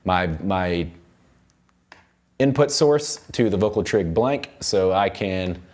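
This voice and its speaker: In a recording studio control room, a young man with a low-pitched, slightly mellow voice walks through a hands-on software tutorial as an audio production instructor. His explaining is informal and loose, and music from the session plays in the background.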